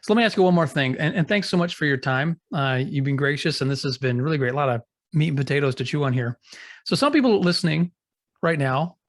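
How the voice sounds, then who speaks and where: A man's voice: on the high side, animated, fast talker, no room sound, studio quality. A male podcast host asking an interview guest questions in a friendly, affirming way.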